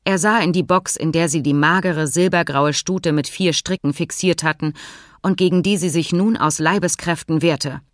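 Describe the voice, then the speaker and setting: A woman narrating an audiobook in a steady, measured reading. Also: low-pitched, no echo, clean studio sound. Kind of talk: scripted narration.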